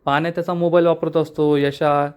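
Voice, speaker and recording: A man walks through the plot of a serial episode in quick storytelling, addressing his viewers as friends. His voice is slightly high for a man and stays steady and clear as he moves from scene to scene. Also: lo-fi sound. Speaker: serial recap narrator. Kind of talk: TV episode recap narration.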